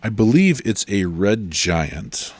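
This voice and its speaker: A man acting as game master, talking haltingly and reading rules aloud with many fillers. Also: on the low side, sing-song, a little mellow. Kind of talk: running a tabletop game over a call.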